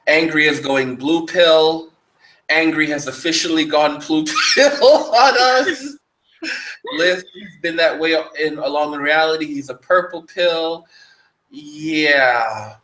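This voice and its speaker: A man's voice: on the high side, slow pace, fairly bright tone, roomy sound, low-quality recording. A man hosting a casual podcast, reading viewer comments aloud with crude jokes and frequent laughter. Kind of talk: casual chat.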